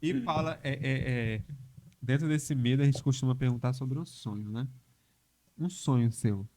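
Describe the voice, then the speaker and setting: A man's voice: medium pitch, normal speed, mellow. A man from Brazil hosting a podcast, chatting casually with short, jokey reactions. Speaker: podcast host.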